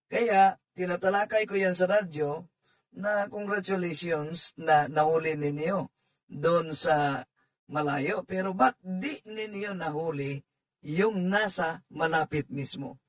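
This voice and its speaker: A man hosting a casual talk show, speaking hesitantly with many pauses. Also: high-pitched, breathy edge. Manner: hesitant, full of pauses and fillers. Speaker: radio commentator and host. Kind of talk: casual commentary.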